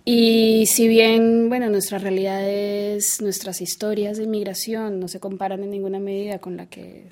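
A woman answers an interview question calmly. Her pitch stays level and steady, and soft fillers fall between her phrases. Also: moderate pace. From Colombia. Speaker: guest artist.

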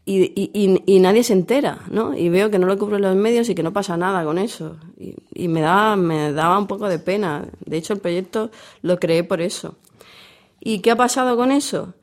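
Hoarse woman with a cold. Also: medium pitch, moderate pace, a little mellow. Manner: candid, chatty, self-deprecating. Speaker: comics author and editor. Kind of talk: casual interview.

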